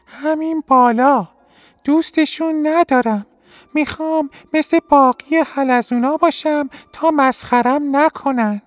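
A man voicing a small, shy winged snail who is unhappy with its wings, in a high, thin, strained voice. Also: no echo, faint music behind. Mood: sad.

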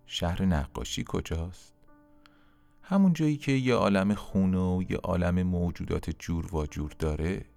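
A man telling a children's story, gently addressing his young listeners. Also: low-pitched, creaky, soft background music.

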